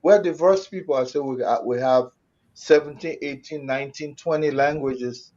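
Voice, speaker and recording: A man's voice: fairly high pitch, moderate pace, a little mellow. A man with a Liberian accent explaining things conversationally in a talk show discussion, often repeating his phrases. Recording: dull lo-fi audio.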